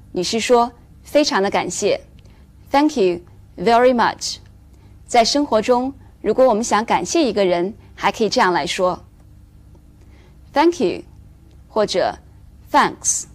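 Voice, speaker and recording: A woman teaching English to Chinese learners in a recorded lesson, explaining clearly and measuredly and slowing down for the English examples. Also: fairly high pitch, expressive.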